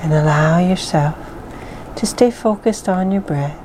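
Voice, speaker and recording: Soft calm lady doing guided meditation, really slow and mellow, bit of background noise. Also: fairly low pitch, poor audio. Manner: soft, calm, soothing delivery with breathy phrase endings. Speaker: mindfulness exercise guide. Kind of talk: guided meditation, soothing instruction.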